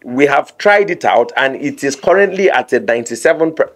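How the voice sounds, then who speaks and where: A man, a radio guest explaining a court technology program with lively anecdotes. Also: mid-range voice, a little fast.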